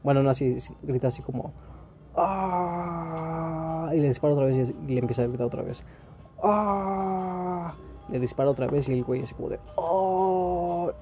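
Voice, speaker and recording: A man's voice: mid-range voice, little pitch movement, very fast, few pauses, warm tone, faint music behind. A man with a Mexican accent, talking casually and rambling in a laid-back, slangy way to his listeners. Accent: Mexican Spanish. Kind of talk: casual monologue.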